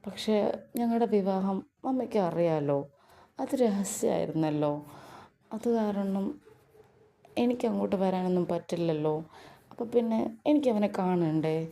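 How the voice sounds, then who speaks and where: A woman's voice: mid-range voice, unhurried, vocal fry, pauses often, dark tone. A woman voicing a young wife who pleads in a babyish, coaxing way. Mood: pleading.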